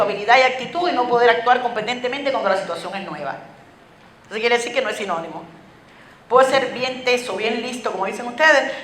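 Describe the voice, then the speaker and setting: A woman with a Cuban accent giving a lively, very fast lecture to teachers, asking many rhetorical questions. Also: a little high. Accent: Cuban Spanish. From Cuba. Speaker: conference speaker. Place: school auditorium. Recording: echoey hall with faint noise.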